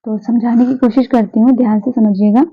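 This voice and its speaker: A woman's voice: fairly high pitch, fairly even intonation, a little fast, breathy edge. A woman teacher explaining pronunciation patiently, repeating sounds and answering her own questions. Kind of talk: Hindi pronunciation lesson. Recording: tinny phone-like recording.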